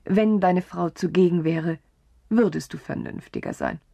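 Old canon scolding gently in whispered role-play, done by a woman. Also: low voice, flat delivery, normal speed, creaky, breathy edge, no room sound, muffled recording, exaggerated voice.

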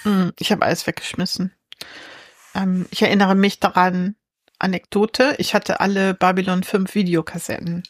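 A woman's voice: lowish voice, little pitch movement, moderate pace, no echo, studio quality. A woman co-hosting a casual podcast chat, talking with enthusiasm, thinking aloud and laughing often. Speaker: podcast co-host reviewing comics.

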